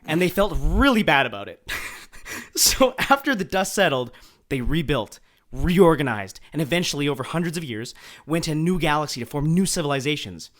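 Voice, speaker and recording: A Canadian man co-hosting a podcast, pitching a silly movie idea in an animated, mock-dramatic way. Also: brisk. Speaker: podcast co-host.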